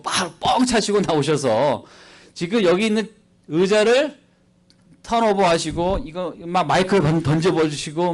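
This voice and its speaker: During a church service, a man preaching as a missionary quizzes the congregation in an animated, playful sermon, speaking into a handheld mic. His voice leans to the high side.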